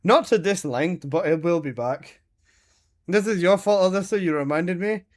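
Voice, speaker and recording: A game streamer in his early twenties plays while chatting live with his audience, his voice slightly on the high side for a man. His talk is casual and teasing, full of swearing and quick, frequent laughs.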